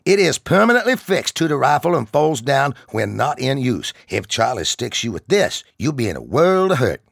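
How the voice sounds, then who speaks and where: A man voicing a loud, commanding army drill sergeant who barks orders and swears. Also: mid-range voice, sing-song, moderate pace, creaky, pitched above the performer's own voice. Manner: barking, commanding, profane.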